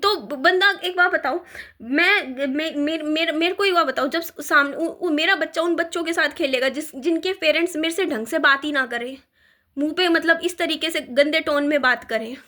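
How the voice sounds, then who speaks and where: Upset young woman, high bright voice. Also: moderate pace. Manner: upset, repetitive, stumbling restarts. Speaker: vlogger. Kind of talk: emotional vlog rant.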